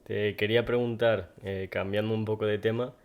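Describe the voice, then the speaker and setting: A man's voice: lowish voice, flat delivery, normal speed, a little mellow. A man hosting a podcast interview, asking hesitant questions full of fillers. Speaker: podcast host.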